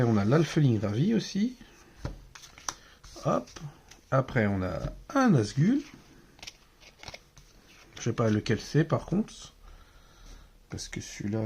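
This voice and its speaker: A card collector with a French accent opens booster packs, commenting casually and mumbling card names as he goes. His mid-range voice has a darkish tone and some vocal fry, with a little hiss or hum in the recording.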